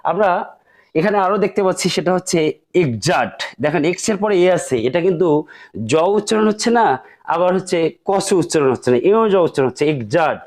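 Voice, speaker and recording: Male teacher, slightly high voice, careful explaining, repeats example words. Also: a little mellow. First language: Bengali. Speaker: English teacher. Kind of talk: explaining pronunciation rules.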